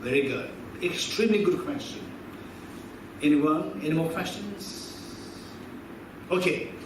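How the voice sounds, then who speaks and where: Captured from a distance in an echoey, noisy hall, a fifties-aged man teaches Buddhist philosophy in an unhurried, fairly high voice. His talk is conversational, with questions put to listeners and key phrases said again.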